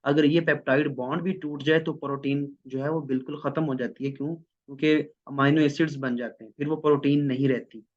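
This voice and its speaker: A man's voice: a little high, steady tone, normal speed, hardly any pauses. Lecturing man. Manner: explains step by step, often checks in with "theek hai". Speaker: biochemistry teacher. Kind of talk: classroom lecture. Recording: dull lo-fi recording.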